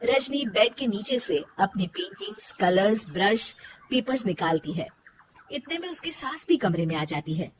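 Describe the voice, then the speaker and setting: A woman narrating a cartoon story in a quiet, plain storybook style. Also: medium pitch, animated, normal speed, background noise.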